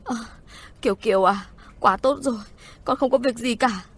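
A woman putting on a weepy young stepmother for a spoken story, her voice pushed up high and breaking into pleas. She sounds husky and a little distant. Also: normal speed. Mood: tearful. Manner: sobbing, high and pleading.

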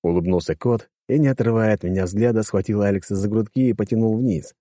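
A man's voice: fairly low pitch, fast, warm tone, no room sound, clean studio sound. A man reading a first-person audiobook in a casual, crude, wisecracking manner. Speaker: audiobook narrator.

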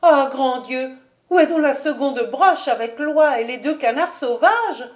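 A woman's voice: medium pitch, animated, normal speed, darkish tone, close to an everyday voice. A woman reading a storybook aloud and voicing a bold, fierce old mother-in-law with a defiant, cool-headed manner.

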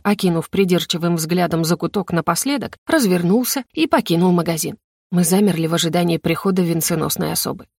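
Expressive female audiobook narrator. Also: fairly low pitch, breathy edge, dry recording, clean studio sound. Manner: lively, expressive reading. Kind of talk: first-person audiobook narration.

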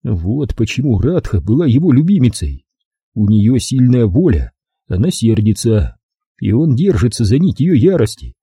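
A man reads a novel aloud in the first person, telling the story at a measured, steady pace. His voice is very dark and husky, yet his pitch moves a lot, and the sound is close and dry with no room around it. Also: no echo. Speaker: audiobook narrator.

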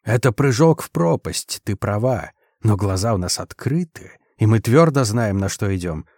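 A man voicing a tired, gentle admiral who speaks softly but firmly. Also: fairly low pitch, animated, normal speed, dry recording, clean studio sound. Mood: soft, resolute. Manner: soft, quiet, tired. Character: weary, gentle male admiral, resolute.

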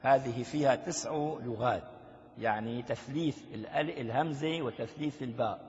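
An older man with a medium-pitched voice teaches a classical text as a sheikh, explaining slowly and testing listeners with rhetorical questions. The lo-fi recording carries a long hall reverb.

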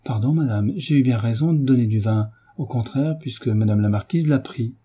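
A man with a dark, husky voice voicing a garrulous young female country maid. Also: mid-range voice, moderate pace, natural voice. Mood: chatty. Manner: garrulous, rustic, breathless storytelling.

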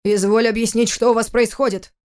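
A woman reading the part of a stern, domineering older father-in-law, gruff and commanding. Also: a little high, fairly even intonation, fairly quick, darkish tone, lightly acted.

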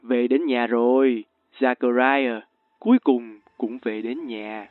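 A man voicing a calm, sugary yet threatening ghostly old woman teacher in an audiobook story. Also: mid-range voice, takes it slowly, dry recording, natural voice. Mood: sweetly menacing. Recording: tinny lo-fi with faint music.

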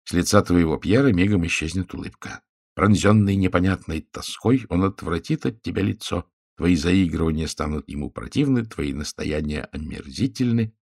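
A man's voice: deep voice, normal speed, vocal fry, darkish tone, dry recording, studio quality. A man voicing a sullen, resentful Earthman visitor who speaks gloomily and under his breath. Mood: brooding. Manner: gloomy, muttering.

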